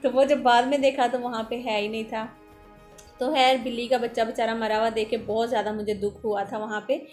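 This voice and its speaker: Fast-chatting woman, higher voice. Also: a little mellow. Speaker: vlogger and mother. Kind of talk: voice-over narration for a home vlog.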